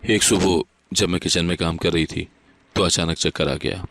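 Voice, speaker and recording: A man reading a sad first-person moral story as scripted narration, steady and solemn. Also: low voice.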